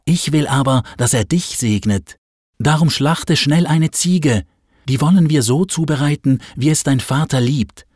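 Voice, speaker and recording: A man's voice: a little high, unhurried, darkish tone, no echo, clean studio sound, pitched above the performer's own voice. A man voicing an insistent, scheming mother in a Bible story. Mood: urgent. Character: determined scheming mother, pleading.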